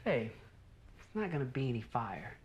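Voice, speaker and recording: A man playing a calm, dismissive husband of a sleepwalker in naturalistic found-footage horror, casual and placating. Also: medium pitch, normal speed, lo-fi sound, close to an everyday voice.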